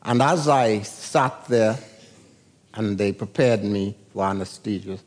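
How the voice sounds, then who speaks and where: With a lowish voice, an older pastor from the Bahamas recounts a personal story during his sermon. He tells it deliberately, like a storyteller, performing the voices he heard.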